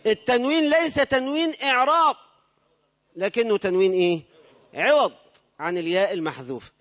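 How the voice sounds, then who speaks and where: A man with a high Egyptian voice who teaches grammar by asking his students questions and supplying the answers. He is recorded on a muffled, lo-fi track in a room with long reverb, like a classroom or lecture hall. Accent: Egyptian Arabic. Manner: asks the class questions and answers them himself.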